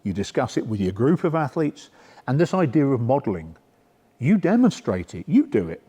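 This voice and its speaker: Middle-aged male lecturer, mellow voice, informal workshop delivery, reverberant hall. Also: mid-range voice, sing-song, moderate pace, slightly rough. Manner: conversational, checks in with "yeah?". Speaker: sport psychology speaker. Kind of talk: coaching workshop talk.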